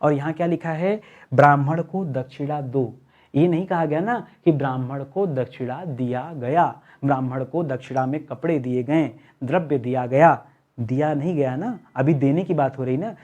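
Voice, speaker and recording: A man's voice: medium pitch, moderate pace, darkish tone, muffled recording. Male Hindi teacher, talky and teasing, asks the class questions and answers them himself. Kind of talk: online exam-prep lesson.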